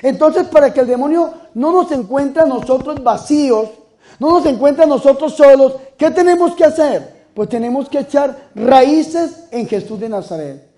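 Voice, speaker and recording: High-voiced fervent priest preaching. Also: male voice, lively intonation, moderate pace. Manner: fervent, swings between loud outbursts and soft asides. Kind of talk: charismatic sermon.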